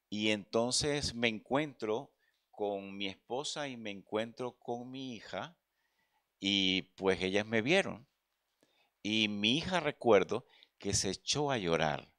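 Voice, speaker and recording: A man's voice: lowish voice, expressive, slow pace, a bit bright, clean tone, no echo. Earnest preacher man, dry close sound. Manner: earnest, addresses listeners as brother. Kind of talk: sermon with personal testimony. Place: church.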